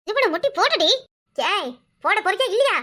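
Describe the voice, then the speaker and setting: Woman doing a shrill bossy village woman. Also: sing-song, a little fast, pushed and bright, exaggerated voice. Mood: possessed, commanding. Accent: Kanyakumari Tamil. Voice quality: shrill, scolding. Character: bossy devout village woman, quick-tempered. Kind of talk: village cartoon comedy.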